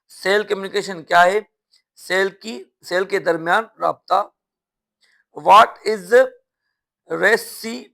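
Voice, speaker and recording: A man's voice: sits high, gravelly, sharp tone. A man with a Pakistani accent, a teacher reading out a vocabulary lesson, giving each question and answer and then repeating each term with its meaning. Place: school classroom or study room.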